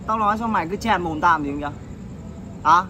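Actor as a slurring drunk bully at a street bar, bar noise behind, short film. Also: male voice, high-pitched, fairly quick, natural voice. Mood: belligerent drunk. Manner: slurred, belligerent, aggressive. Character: drunk pushy young man harassing women at a beer bar. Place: outdoor street beer bar.

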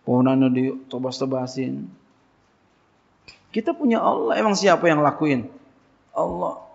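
Male preacher, gravelly, colloquial question-and-answer lecture, muffled low-fi audio. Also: measured pace. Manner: colloquial, call-and-response questions. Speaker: pesantren teacher. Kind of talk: casual religious lecture. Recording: dull lo-fi lecture recording.

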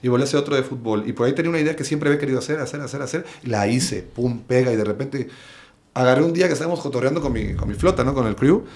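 A man with a Mexican accent, a comedian chatting casually, animated and profane. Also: medium pitch, racing. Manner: animated, profane, acts out quotes. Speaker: guest comedian. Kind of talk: casual chat.

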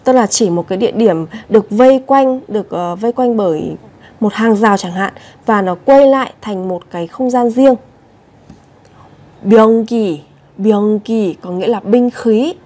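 A woman's voice: mid-range voice, unhurried, mellow. A woman teaching Korean vocabulary, patiently repeating each word and speaking straight to her viewers. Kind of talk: vocabulary lesson explanation.

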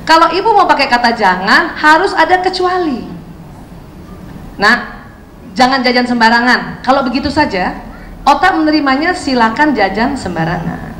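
A woman in her fifties giving a lively religious parenting talk to mothers, acting out quoted speech and laughing often. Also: high voice, moderate pace, pauses often, reverberant, slight background noise, low-quality recording. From Indonesia.

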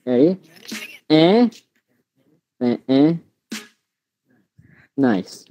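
A woman's voice: a bass voice, animated, extremely slow, dull audio, a little hiss or hum. A woman hosting a VR gaming video, bossing her friends around and teasing them in casual chat. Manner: bossy, teasing, directing others. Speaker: gaming channel host.

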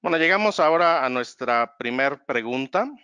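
A man presenting slides in a webinar, explaining in a measured way and calling for the next slide. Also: medium pitch, lively intonation, sharp tone, clear, resonant tone, no room sound, highs cut off.

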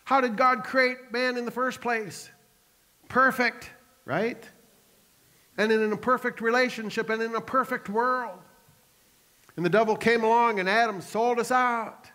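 Animated preacher in an echoing church. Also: male voice, very high-pitched, unhurried. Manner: animated storytelling with joking asides. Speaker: pastor. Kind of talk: sermon. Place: church sanctuary. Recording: long reverb of a church hall.

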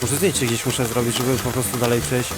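A young man giving let's play commentary, excitable and laughing, often swearing and reading game text aloud. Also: mid-range voice, quick pace, over music. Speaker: gaming YouTuber.

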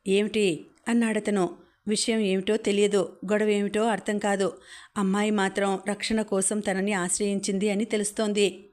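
A woman narrating a novel as an audiobook reader in steady scripted narration. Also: medium pitch, normal speed.

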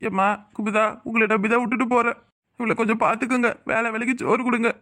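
A woman's voice: on the high side, fairly even intonation, quick pace, fairly bright tone, natural voice. A woman voicing a worried young husband in a cartoon, pleading and anxious, with a southern Tamil Nadu accent. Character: worried young husband torn between work and wife. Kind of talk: cartoon voice acting.

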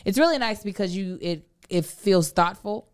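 A woman's voice: mid-range voice, lively intonation, moderate pace, smooth. A woman in her thirties, a podcast co-host giving a conversational ad read into a close studio microphone. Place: small indoor studio. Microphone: close desk podcast microphone.

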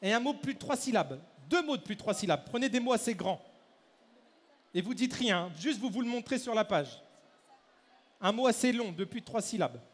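Male stage mentalist, high voice, brisk crowd-directing delivery; handheld mic in a reverberant hall. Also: lively intonation. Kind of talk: live stage mind-reading show. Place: large hall at a fair. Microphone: handheld microphone. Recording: echoey hall, faint crowd ambience.

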